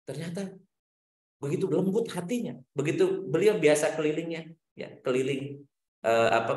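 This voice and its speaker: A man preaching an Islamic lecture, reciting Arabic verses and telling stories with sweeping swings in pitch. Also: roomy sound. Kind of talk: religious lecture answering questions.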